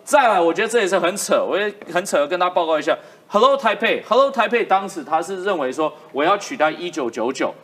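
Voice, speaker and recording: A woman's voice: on the low side, animated, quick pace, hardly any pauses, a bit bright. A woman with a Taiwanese accent giving live political commentary in an emphatic way, repeating her points for effect. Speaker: political commentator on a talk show.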